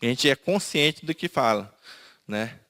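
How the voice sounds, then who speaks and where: Mid-range, animated and bright, this forceful voice keeps a measured pace. The speaker is a Manaus man with a Brazilian Portuguese accent sharing an emotional testimony, narrating his story and performing each line of dialogue.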